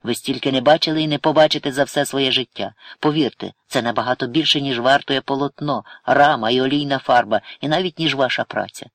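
A man's voice: mid-range voice, brisk, few pauses, fairly bright tone, no room sound, clean studio sound, lightly acted. A male reader voicing a menacing, pushy wealthy art collector who hisses his words in an audiobook. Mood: threatening. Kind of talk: audiobook character voice.

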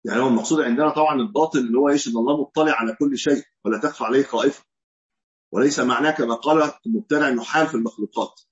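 Egyptian male scholar, quick questioning lecture delivery, muffled lo-fi sound. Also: mid-range voice. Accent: Egyptian Arabic. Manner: reasons aloud, posing and answering his own questions. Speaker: Islamic scholar teaching hadith. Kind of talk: religious lesson.

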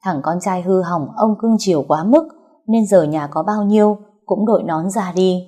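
Warm low-voiced woman storyteller. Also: moderate pace. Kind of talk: dramatic audiobook narration. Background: faint music.

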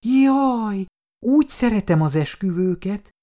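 A man voicing an eager, chatty little girl in an audiobook reading, with a high childlike voice. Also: very animated, a little mellow.

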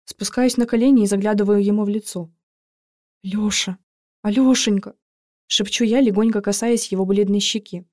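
A woman narrating a first-person audiobook in a lively, expressive way. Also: medium pitch, fast talker, few pauses, no echo, clean studio sound.

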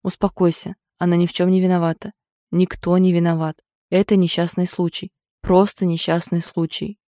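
A woman's voice: fairly low pitch, level tone, normal speed, warm tone, dry recording, clean studio sound, close to an everyday voice. Stern commanding man, read by a woman. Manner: firm, barking orders. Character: stern commanding man, protective older brother.

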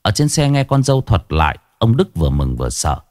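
A man narrating a ghost story in an expressive, dramatic way. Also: fairly low pitch, fairly quick, no echo, clean studio sound.

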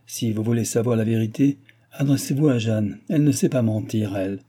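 A pert young courtier woman, read by a man with quick, teasing replies. The husky, dark voice lifts above his narration. It is from a storybook reading. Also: lowish voice.

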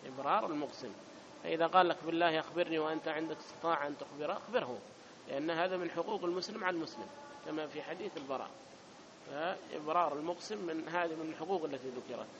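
This is an Arabic grammar lesson from a man whose voice leans high; he goes back over each point and keeps checking for understanding. The recording is muffled and the background noisy.

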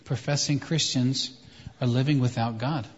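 Preacher, male, husky, echoey hall, dull sound, phrase-by-phrase delivery. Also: mid-range voice, steady tone. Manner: emphatic, pauses for translation. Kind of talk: sermon in short phrases for an interpreter.

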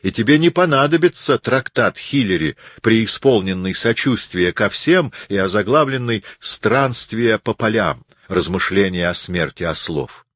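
Man voicing a forceful, lecturing young man. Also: lowish voice, animated, measured pace, hardly any pauses, no echo, pitched above the performer's own voice. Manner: insistent, lecturing. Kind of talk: audiobook reading.

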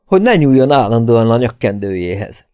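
A man voicing a wry, calm condemned young man in an audiobook, speaking with sardonic irony. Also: medium pitch, clean tone, no room sound, clean studio sound, lightly acted. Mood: mocking. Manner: sardonic, ironic.

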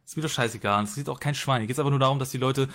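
Male podcast guest, mid-pitched, rapid-fire, blunt and profane in argument. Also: a bit bright. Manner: heated, blunt, heavy swearing. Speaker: podcast participant. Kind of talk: casual debate chat.

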